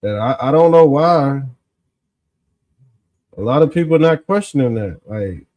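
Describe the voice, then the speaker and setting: A man hosting an informal political commentary show, talking in folksy street style with drawn-out emphasis and a smug, sarcastic exposé manner. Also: medium pitch, expressive, a little mellow.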